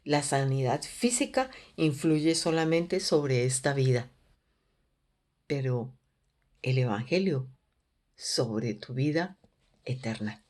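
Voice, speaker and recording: A woman with a notably low, deep voice leads a Bible study. She speaks in an earnest, measured way and keeps turning questions back to her listeners. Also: animated, a little mellow.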